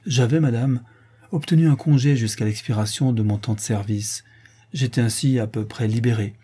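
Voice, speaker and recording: A man reading an audiobook and voicing a remorseful young soldier making a halting confession. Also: mid-range voice, warm tone, breathy edge, lightly acted. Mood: ashamed.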